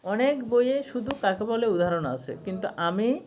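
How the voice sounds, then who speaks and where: A man's voice: high-pitched, animated, normal speed. A male teacher giving an exam-prep grammar lesson in a conversational way, often checking in with his students. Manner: conversational, often asks "ঠিক আছে?" to check understanding. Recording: slightly dull lo-fi recording with faint noise.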